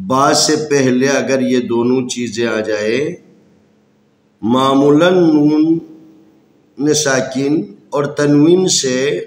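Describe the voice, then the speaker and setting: A man with a Pakistani Urdu accent, teaching Quran reading in a slow lesson where he spells out letters and vowel marks one by one. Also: medium pitch, echoey room.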